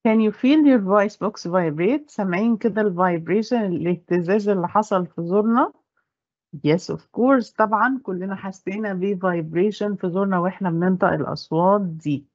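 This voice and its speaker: A woman with an Egyptian accent teaching English pronunciation. She says the English slowly and carefully and explains quickly in Arabic. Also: medium pitch, darkish tone, no room sound, lo-fi sound. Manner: slow careful English, brisk Arabic asides. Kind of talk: bilingual classroom explanation.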